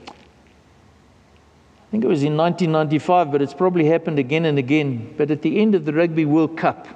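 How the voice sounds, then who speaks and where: A man with a notably high voice delivers a sermon in a church. He preaches earnestly and with emphasis, stumbling and repeating words as he drives his points home. A long reverb trails after his words. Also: a little mellow. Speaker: pastor.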